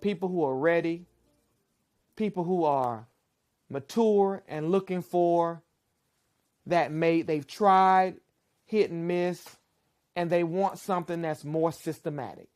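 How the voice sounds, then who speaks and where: A woman giving measured, persuasive relationship advice in a documentary interview. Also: fairly low pitch, a little mellow. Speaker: relationship speaker.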